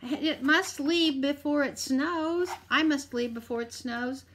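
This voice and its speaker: A woman's voice: high-pitched, slow pace, fairly bright tone, voice pushed up. A woman voicing a pushy traveling pet salesman in a children's storybook, making eager, salesy offers.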